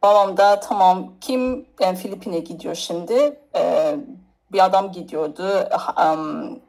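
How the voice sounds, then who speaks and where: A woman's voice: lowish voice, measured pace, a little mellow, rough recording. Hesitant woman from Nigeria chatting. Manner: hesitant, searching for words in non-native Turkish. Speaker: interview guest. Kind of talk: casual interview chat.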